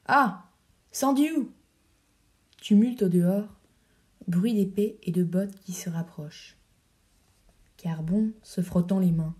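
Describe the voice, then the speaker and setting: A woman narrating an audiobook of a play, reading the stage directions in a measured, even way. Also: fairly low pitch.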